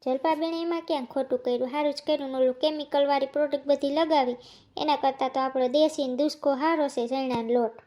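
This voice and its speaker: Calm village lady in a cartoon, woman voicing, kathiawadi accent, high but mellow. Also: fast, natural voice. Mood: matter-of-fact. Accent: Kathiawadi Gujarati.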